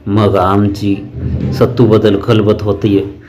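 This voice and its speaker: A furious, domineering young village man barks accusations in a low, heavy voice, voiced by a male reader. He lectures and threatens from a story being read aloud. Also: level tone, slow pace, slight background noise. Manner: loud, accusing, stern.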